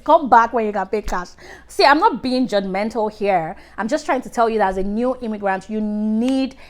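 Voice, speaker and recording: Chatty woman giving money advice. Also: fairly high pitch. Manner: direct, chatty, frequent restarts; addresses viewers by name. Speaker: personal finance vlogger. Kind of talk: casual advice talk to camera.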